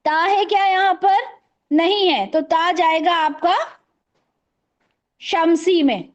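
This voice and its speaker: A woman teaching an Arabic grammar class over a video call, patiently quizzing her students and slowly repeating terms. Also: extremely high pitch, steady tone, dull audio. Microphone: video call microphone.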